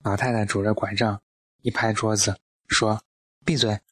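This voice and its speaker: A man's voice: lowish voice, flat delivery, moderate pace, a bit bright. A man narrating an audiobook in a wry, humorous storytelling manner.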